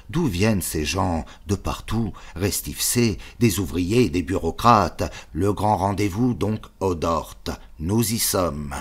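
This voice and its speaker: A man reading a novel aloud in measured, choppy literary phrases. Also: low-pitched, slightly rough. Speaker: audiobook narrator.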